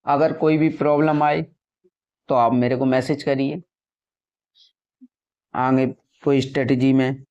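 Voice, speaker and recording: A man's voice: medium pitch, little pitch movement, unhurried, pauses often, darkish tone. A young man giving earnest, repetitive advice to viewers about preparing for an exam, speaking casually to the camera. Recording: dull lo-fi sound.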